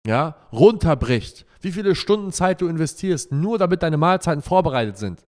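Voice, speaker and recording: A man's voice: a little high, sing-song, moderate pace. A young man in a brash, profane monologue, mocking and emphatic as he rants. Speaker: money and lifestyle talker. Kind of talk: provocative monologue.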